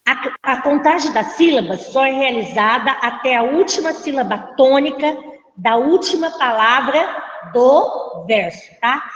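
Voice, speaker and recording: A Brazilian literature teacher, a woman with a slightly high voice, lectures at an unhurried pace, padding her explanations with tag questions. Her voice rings with a long reverb in the room. The sound is dull, as on a computer mic. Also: fairly bright tone. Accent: Brazilian Portuguese. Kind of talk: online class lecture.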